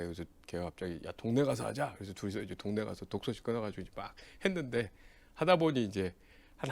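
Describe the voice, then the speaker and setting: A man lecturing exam-prep students, telling personal stories in a blunt, teasing way and tagging his sentences with a questioning "eh?". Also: lowish voice. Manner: acts out quoted dialogue in lively voices.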